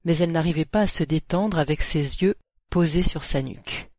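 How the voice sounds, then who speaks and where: A woman narrating an audiobook in a measured, even storytelling manner. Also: low voice, no room sound, studio quality.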